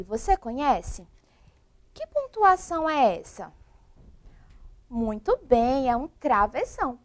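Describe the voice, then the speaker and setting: Lively high-voiced woman teacher. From Brazil. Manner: animated, asks children many questions. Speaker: primary school teacher. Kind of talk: televised remote classroom lesson.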